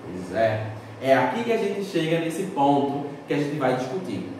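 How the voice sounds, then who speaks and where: A man's voice: medium pitch, sing-song, moderate pace, darkish tone. A man teaching a recorded Portuguese lesson to a school class, explaining step by step and posing questions that he answers himself. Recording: echoey room, distant mic, faint noise.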